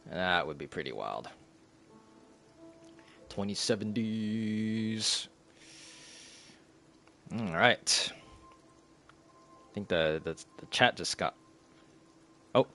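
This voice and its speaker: A man's voice: fairly low pitch, a bit bright. A man in his thirties chatting casually on a live stream, rambling and laughing as he reads the chat. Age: 30s.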